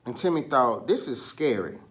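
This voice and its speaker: A storybook reader with a mid-range voice tells a children's story in an animated style. He uses dramatic pauses and draws out emphatic words.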